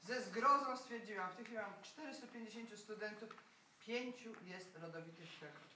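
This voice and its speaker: A woman's voice: mid-range voice, a little fast, bright, forceful tone, slight background noise. A woman from Kraków, a university lecturer, asking a panel a question from the audience in a chatty, hesitant way. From Kraków, Poland. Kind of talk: question from the floor in a debate. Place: event hall with an audience. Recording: roomy sound from far off the mic.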